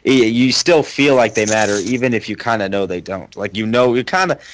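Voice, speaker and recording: A man's voice: on the low side, a little fast, a little hiss or hum. A man co-hosting a casual podcast, talking through a video game in a chatty, rambling way. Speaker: podcast co-host.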